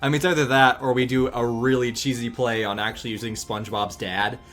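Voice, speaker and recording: A man chatting casually while drawing on a livestream, relaxed and rambling, thinking aloud with ums and laughs. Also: medium pitch, fairly quick. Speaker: streamer and animator.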